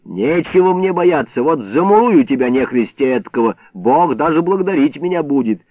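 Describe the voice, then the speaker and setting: A man voicing a gruff, bullying old village man who shouts threats, in a tinny phone-like recording. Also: fairly high pitch, expressive, moderate pace, no room sound, pitched above the performer's own voice, lightly acted. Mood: mocking. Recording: tinny phone-like band, dry.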